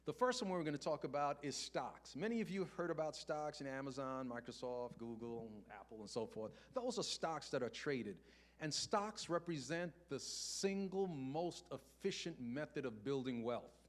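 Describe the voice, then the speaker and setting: An older man with a somewhat high voice teaches money basics to a church audience. He talks in a loose, conversational way and often throws questions to the room. When a point matters, he slows down and says it again. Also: expressive. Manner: conversational, repeats key points slowly for emphasis; asks rhetorical questions of the audience. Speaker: guest speaker on personal finance. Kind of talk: church seminar talk. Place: church sanctuary before a congregation.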